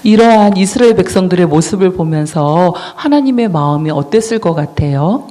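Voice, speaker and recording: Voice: mid-range voice, animated, normal speed, dark tone. A children's ministry preacher telling a Bible story in a children's sermon and asking the children questions.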